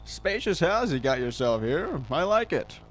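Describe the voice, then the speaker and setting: A man voicing a creepy, mocking male visitor in a put-on British accent, slow and sly. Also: a little high, sing-song, a bit bright, a little hiss or hum, voice pushed up. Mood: sly, menacing.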